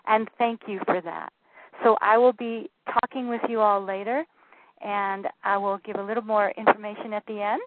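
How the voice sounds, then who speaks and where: A woman leading a spiritual session, giving soft, brisk instructions to the participants. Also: mid-range voice, steady tone, no room sound. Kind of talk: guided meditation instructions. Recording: tinny phone-line sound, dry.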